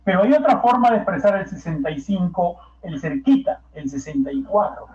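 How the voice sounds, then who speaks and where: Male Peruvian Spanish math teacher, high animated voice, slow, echoey room. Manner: coaxing, peppered with rhetorical questions. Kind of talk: classroom lecture. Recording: echoey, dull lo-fi classroom recording.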